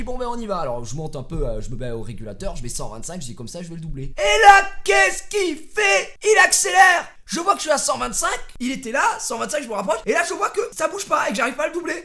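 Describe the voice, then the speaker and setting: A man vlogger telling a comic story to his viewers in a lively way, breaking into shouted bursts. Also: fairly high pitch. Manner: animated, swings into shouting bursts.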